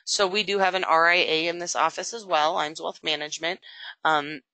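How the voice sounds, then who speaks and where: Brief: chatty agency trainer, crisp bright tone, dry close sound, lots of "um"s. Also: mid-range voice, steady tone, moderate pace, dry recording. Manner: conversational, frequent "um" fillers; upbeat promotional tone. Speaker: agency sales support representative. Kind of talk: training webinar presentation.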